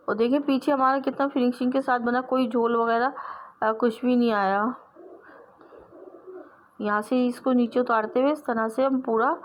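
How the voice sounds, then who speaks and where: Lady sewing teacher, kinda high voice, slow patient how-to talk, lots of repeating. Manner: patient, repetitive step-by-step explaining. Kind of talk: step-by-step sewing tutorial.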